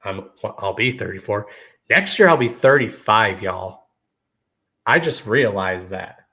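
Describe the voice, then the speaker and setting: Hosting his own podcast, a laid-back man in his thirties talks casually to viewers, filling his speech with "you know" and "y'all." He has a fairly low, gravelly voice with a bright, forceful tone and lively intonation, speaking a little slowly.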